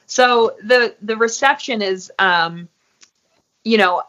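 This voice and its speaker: A woman, a guest in an interview, talking casually and filling pauses with "um" and "you know.". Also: on the high side, a bit bright. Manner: friendly, many fillers like um and you know. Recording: muffled, lo-fi audio.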